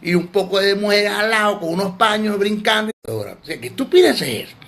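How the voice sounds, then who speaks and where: A man's voice: sits high, expressive, a little fast, fairly bright tone. A man teaching theology in a sermon, emphatic and scolding, often repeating words.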